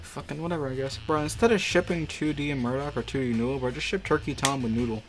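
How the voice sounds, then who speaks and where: Over music, a man reads amateur fiction aloud at a quick clip in a medium-pitched voice. He keeps interrupting himself with crude, slangy commentary full of disbelief.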